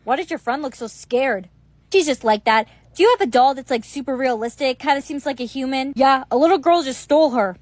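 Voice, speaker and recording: A woman's voice: high voice, expressive, fairly quick, a little mellow, no echo. A woman playing several supporting parts in a storytime skit, in a plain conversational way. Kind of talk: acted skit dialogue.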